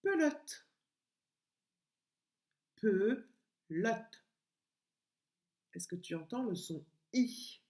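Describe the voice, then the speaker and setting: A woman teaching a home-schooling lesson to young children, speaking slowly and stretching out sounds in a sing-song way. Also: fairly high pitch, very animated, a little mellow. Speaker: kindergarten teacher. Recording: echoey room.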